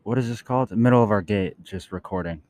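A man's voice: lowish voice, fast talker, a little mellow. A man co-hosting a casual podcast at an airport gate, laid-back, slangy and profane. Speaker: podcast co-host. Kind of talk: casual chat.

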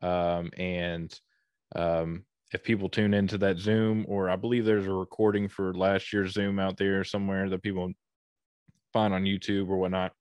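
Podcast host guy on a video call, low even voice, lots of um and uh. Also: smooth, no room sound. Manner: halting, many fillers and restarts. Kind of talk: casual interview over a video call.

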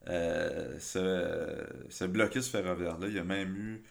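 A man's voice: deep voice, unhurried, gravelly. A man with a Québécois accent who is a political columnist, speaking in a casual panel discussion and often stopping for fillers and restarts. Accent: Québécois French. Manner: hesitant, many fillers and restarts.

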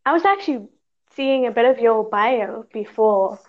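A woman's voice: fairly high pitch, lively intonation, moderate pace. A woman with a Zimbabwean accent, chatting casually in a frank, lightly amused way. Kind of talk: casual chat. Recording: dull lo-fi app call audio.

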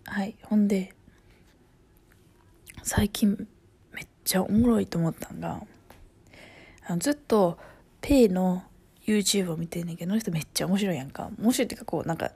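A woman with a Kansai accent chatting casually as a vlogger, rambling and often dropping to a soft half-whisper. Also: mid-range voice, normal speed, pauses often, slightly rough. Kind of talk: casual chat.

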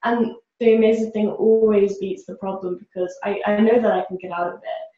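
A woman's voice: mid-range voice, steady tone, brisk, mellow. A young woman from Britain, answering interview questions in an earnest, upbeat way with many "like" fillers. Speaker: guest, social media creator. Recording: roomy, dull lo-fi sound.

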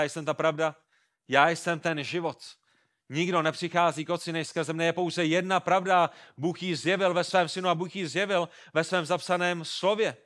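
Male preacher, higher voice, emphatic sermon delivery with rhetorical questions. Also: a bit bright. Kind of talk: expository sermon.

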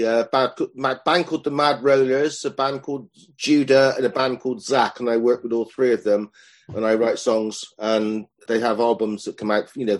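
A man in his fifties chatting as a guest, rambling and self-deprecating as he recalls running club nights. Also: medium pitch. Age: 50s. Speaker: guest, club promoter and songwriter. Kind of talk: casual chat.

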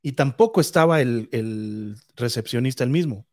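A man's voice: medium pitch, lively intonation, moderate pace, a little mellow. A man with a Mexican accent telling a ghost story in a casual, rambling, suspenseful way.

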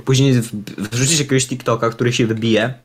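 A man's voice: mid-range voice, fairly even intonation, brisk, slightly rough. A man co-hosting a casual podcast, ribbing his friend with mock-boastful teasing. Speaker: podcast co-host.

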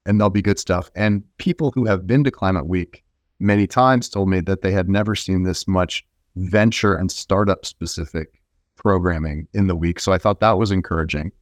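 A man's voice: low voice, moderate pace, dry recording, clean studio sound. A man speaking as an interview guest, giving conversational answers in a reflective, explanatory way. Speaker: interview guest, venture investor.

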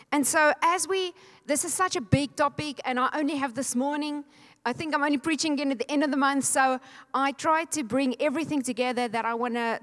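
A middle-aged woman preaches with fervent conviction, her fairly high voice pressing the congregation to answer back. Her words ring out with the long reverb of a church sanctuary. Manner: fervent, exhorting, leads the congregation in call and response. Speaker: pastor. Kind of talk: sermon.

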